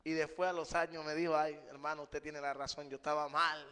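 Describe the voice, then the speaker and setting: Man preaching, bright crisp voice, fervent rises and hushed drops, long church reverb. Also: fairly high pitch, level tone, fairly quick. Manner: emphatic, rising and falling, addresses listeners as brother. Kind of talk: sermon. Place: church hall. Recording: live stream with long hall reverb.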